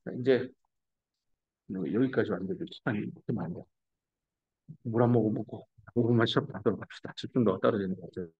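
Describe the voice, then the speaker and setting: A man's voice: on the low side, fast talker, long pauses, darkish tone, breathy edge. A middle-aged male professor giving a lecture, explaining step by step and mixing English technical terms into casual asides. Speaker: university professor. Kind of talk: recorded lecture. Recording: dull lo-fi classroom recording.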